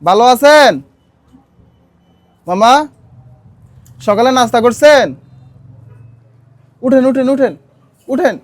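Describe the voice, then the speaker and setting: Gentle coaxing man, high voice. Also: slow pace, pauses often, no echo. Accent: Bangladeshi Bengali. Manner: gentle, coaxing, repeats requests. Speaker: street outreach volunteer. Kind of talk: coaxing street talk. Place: outdoors on a city street.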